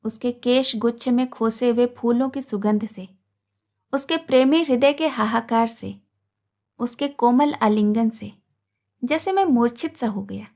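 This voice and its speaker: Slow, measured woman storyteller. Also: a little high. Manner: measured, expressive reading. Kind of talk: reading a literary story aloud.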